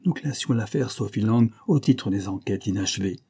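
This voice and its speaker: In an audiobook, a man voices a gruff, boastful aging police commissioner, raised and emphatic with a sardonic edge. His voice is on the low side and mellow, at a normal speed.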